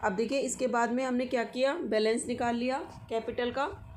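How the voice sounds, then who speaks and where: Speaking at normal speed with fairly even intonation, a higher-voiced woman teaches accounting, a bit of hiss or hum in the background. As a commerce teacher, she explains every step in turn and regularly checks on her students.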